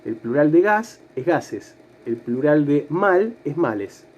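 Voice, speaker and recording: A man's voice: a little high, sing-song, slow, darkish tone, dull audio. A middle-aged man teaching a recorded online grammar class, explaining step by step and voicing his students' questions himself.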